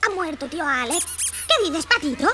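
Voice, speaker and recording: A woman playing a naive, excitable childish niece who talks in an excited, childlike way. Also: high voice, moderate pace, heavy background noise.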